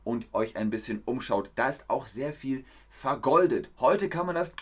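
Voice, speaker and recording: A man teaching a livestreamed German lesson, explaining words slowly and reading out viewer comments. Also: medium pitch, animated, background noise.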